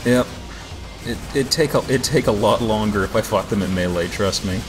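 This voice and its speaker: This fairly low-pitched man talks at a normal speed as he plays through a game for his let's play, tossing out relaxed jokes. The game's music can be heard underneath.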